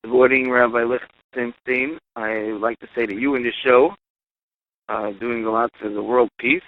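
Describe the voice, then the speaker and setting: A man's voice: medium pitch, steady tone, normal speed. A man leaving an earnest voicemail message for a radio show, mixing Hebrew and Aramaic terms into his English. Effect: played voicemail message. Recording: tinny phone-line voicemail.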